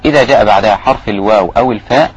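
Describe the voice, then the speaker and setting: Husky Egyptian man teaching recitation. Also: on the low side, muffled recording. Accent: Egyptian Arabic. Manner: quick explanations broken by slow, drawn-out recited phrases. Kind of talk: recitation lesson.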